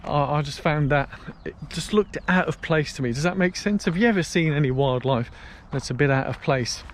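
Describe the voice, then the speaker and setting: Fairly high-pitched and fairly quick, a British vlogger tells stories in a chatty way as he walks along a canal path for a casual vlog. Behind him are faint outdoor ambience and traffic noise.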